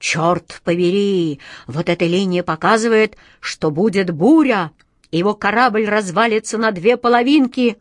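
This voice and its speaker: A woman's voice: extremely high pitch, lively intonation, takes it slowly, hardly any pauses, mellow, no echo, clean studio sound, voice pushed up, exaggerated voice. A woman voicing a wheedling, greedy old female fortune-teller in a storybook reading, wailing and sing-song.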